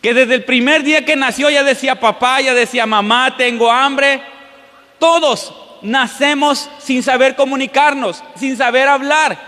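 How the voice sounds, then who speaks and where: A man's voice: very high voice, unhurried, sharp tone. A man preaching a sermon as pastor in a church, often putting questions to the congregation. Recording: long church-hall reverb.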